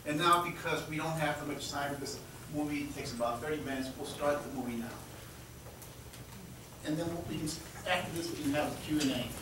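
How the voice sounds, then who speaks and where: A man's voice: fairly high pitch, fairly quick. A man in his fifties from Texas, hosting and introducing a presentation to an audience in a friendly, joking way, sometimes repeating words. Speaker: event host and presenter. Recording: echoey hall from far off, with noise.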